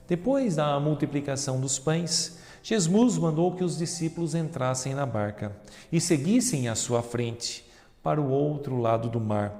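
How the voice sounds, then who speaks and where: Brazilian deacon preaching in an echoing church. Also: male voice, medium pitch. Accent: Brazilian Portuguese. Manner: earnest preaching, addresses listeners as brothers and sisters; swings between hushed reflective tones and loud emphatic reading. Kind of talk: Gospel reading and homily. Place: large church sanctuary. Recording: roomy church reverb with soft music.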